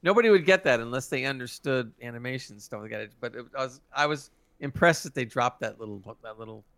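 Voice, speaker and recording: A man's voice: medium pitch, fast talker, a bit bright, no room sound. A man co-hosting a podcast, chatting casually and enthusiastically, often restarting his sentences. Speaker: podcast co-host. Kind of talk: casual review chat.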